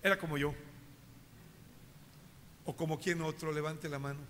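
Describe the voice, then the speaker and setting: A man's voice: a little high, steady tone, normal speed, fairly bright tone, slight background noise. A man preaching a sermon as pastor, telling stories animatedly and addressing his congregation directly, in a reverberant church hall.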